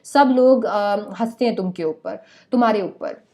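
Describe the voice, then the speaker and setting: A woman's voice: a little high, measured pace, dark tone, lightly acted. A woman voicing a blunt, scornful middle-aged mother who scolds her family sarcastically.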